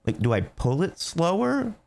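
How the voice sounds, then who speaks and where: A man's voice: fairly high pitch, wildly swooping pitch, normal speed, creaky, a little mellow. A young man doing comedic commentary as he reads out reviews, joking in slangy speech and calling the listener bro. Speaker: YouTuber reading reviews.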